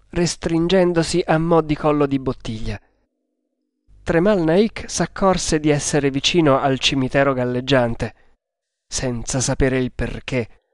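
A man narrating an adventure story in an audiobook with slow, deliberate storytelling. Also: medium pitch, dry recording, studio quality.

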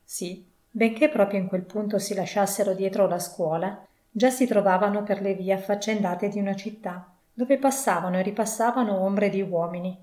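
A woman narrates a classic novel with an expressive storytelling cadence. Her voice sits at a middle pitch. The recording has a roomy echo. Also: normal speed. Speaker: audiobook narrator.

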